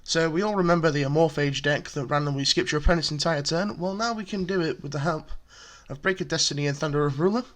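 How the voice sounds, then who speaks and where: A man's voice: fairly high pitch, fast talker, hardly any pauses. A man casually walking through a card game deck, chatty and full of fillers, explaining step by step. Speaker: deck profile presenter.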